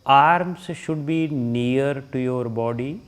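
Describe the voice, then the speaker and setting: Speaking as a yoga teacher, a man with an Indian accent guides a relaxation session, offering brief instructions separated by long pauses. His voice is smooth and sits in the mid range.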